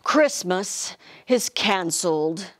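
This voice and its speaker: A woman's voice: mid-range voice, slow pace, dry recording, natural voice. A woman voicing a gloomy, weary older Santa Claus in a picture book read-aloud, with a heavy, sighing delivery. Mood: glum.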